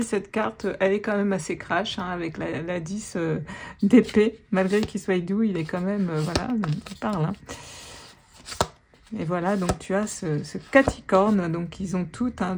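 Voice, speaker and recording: A woman's voice: fairly low pitch, vocal fry. Woman, tarot reader, casual rambling chat, fillers and restarts, faint background hiss. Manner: chatty and warm, many fillers and restarts. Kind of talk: casual spoken tarot guidance.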